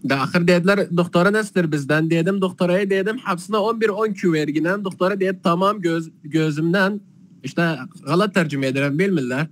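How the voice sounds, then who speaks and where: A man, a student in class, joking with the teacher from across the room. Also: high voice. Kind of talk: classroom chat.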